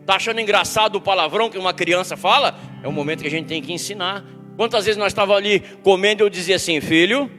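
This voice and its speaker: A middle-aged Brazilian pastor with a high voice preaches a sermon, mixing family stories and acted quotes with emphatic warnings. His voice rings through a large reverberant hall while soft instrumental music plays underneath. The delivery swings between storytelling and forceful exhortation. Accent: Brazilian Portuguese.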